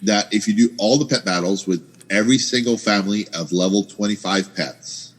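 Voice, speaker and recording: Male podcast host, low husky voice, enthusiastic rambling explainer on a headset. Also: fairly quick, poor audio. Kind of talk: casual gaming chat. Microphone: headset microphone.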